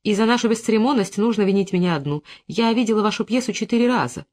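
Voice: mid-range voice, fast talker, darkish tone, close to an everyday voice. An audiobook reader voicing a frank, unembarrassed young woman who openly admires a man. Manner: direct, unembarrassed. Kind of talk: audiobook character reading.

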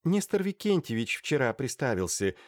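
A man voicing an anxious older woman who tries to calm her quarrelling sister. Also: mid-range voice, normal speed, dry recording, clean studio sound, pitched above the performer's own voice, lightly acted. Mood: worried. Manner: placating, polite.

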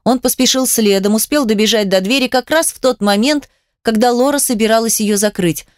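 A woman reading a romance novel aloud in an even, measured storytelling voice. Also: a little high, no room sound, studio quality. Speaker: audiobook narrator. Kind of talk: scripted narration of a romance novel.

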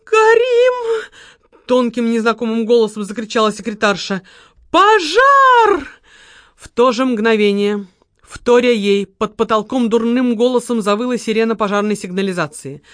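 A woman narrating an audiobook in a steady, measured way. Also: on the high side, no echo, clean studio sound. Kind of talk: scripted narration.

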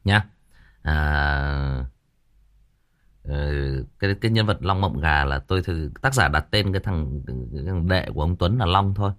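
This very deep, fairly bright voice belongs to a Vietnamese audiobook narrator and story-channel host, speaking at a measured pace. In casual livestream commentary, he talks to viewers about a story, wandering off track and repeating words as he hunts for what comes next.

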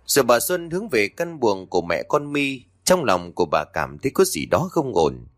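A man's voice: mid-range voice, huge pitch swings, moderate pace, dry recording, clean studio sound. A man narrating a scripted horror story in a dramatic manner.

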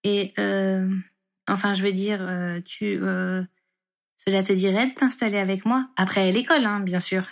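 A woman's voice: medium pitch, steady tone, a little slow, lightly acted. A woman voicing a hesitant, stumbling young man in a storybook reading. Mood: flustered. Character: awkward young man, shy boyfriend.

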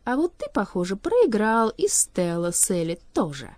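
A woman reading a storybook aloud, voicing a sly, scheming young sorceress who mocks in a loud, sweet voice. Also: mid-range voice, big pitch swings, normal speed, no echo, close to an everyday voice. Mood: mocking.

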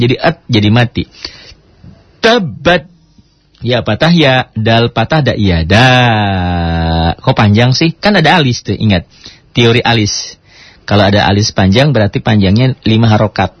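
A man leads a recitation lesson. He stretches single syllables slowly and repeats them again and again, then breaks into quicker explanations. The voice is dry and close, with a dull, lo-fi radio sound. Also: medium pitch, slightly rough, no echo. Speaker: Quran recitation teacher. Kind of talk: tajwid lesson with demonstrated recitation.

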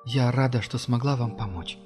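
A male reader voicing an ancient, sorrowful being in a little girl's body, speaking quietly and slowly, in an audiobook. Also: medium pitch, long reverb tail, music in the background, lightly acted.

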